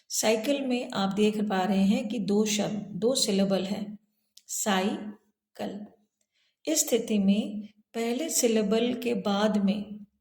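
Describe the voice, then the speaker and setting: A woman teacher explaining a phonics lesson slowly and carefully, stretching out each example word. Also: medium pitch, a little mellow, echoey room.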